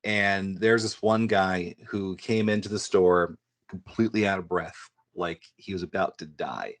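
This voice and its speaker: A man from New tells stories in a podcast interview. His voice sits on the low side, and his delivery is chatty and animated. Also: unhurried. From New York. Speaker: guest comic book illustrator. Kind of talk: casual storytelling in a podcast interview.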